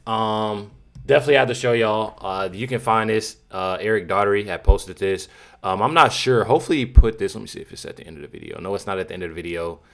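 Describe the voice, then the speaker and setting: Man, low voice, casual reaction commentary, repeats himself, lots of fillers. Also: vocal fry, a bit bright. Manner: repetitive, emphatic, many fillers. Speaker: commentary channel host.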